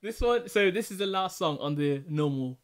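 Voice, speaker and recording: A man's voice: expressive, normal speed. Laid-back man explaining his rap songs. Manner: low-key, reflective explaining with frequent restarts. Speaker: podcast host presenting his own rap songs. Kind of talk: casual podcast chat.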